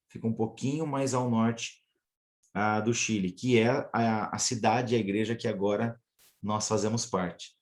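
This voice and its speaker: Lowish-voiced missionary guy, earnest, takes his time with pauses. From São Paulo state, Brazil. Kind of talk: church testimony.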